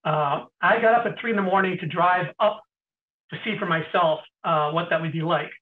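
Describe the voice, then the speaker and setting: A middle-aged man, an interview guest, tells stories in a casual way, often clearing his throat and pausing with fillers. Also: high-pitched. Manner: anecdotal, frequent throat clearing and hesitant fillers. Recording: tinny phone-like sound.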